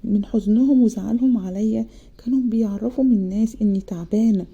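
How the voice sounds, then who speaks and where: Fast, breathy Egyptian woman storyteller. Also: medium pitch, highs cut off. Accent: Egyptian Arabic. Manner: soft, hushed and repetitive, dwelling on sorrow. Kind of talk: first-person story narration.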